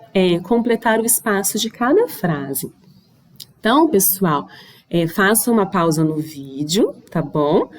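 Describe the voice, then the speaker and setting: A woman teacher with a Brazilian Portuguese accent, recording a slide lesson for schoolchildren and often checking that they follow. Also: medium pitch. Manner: slow, patient, with frequent checking questions.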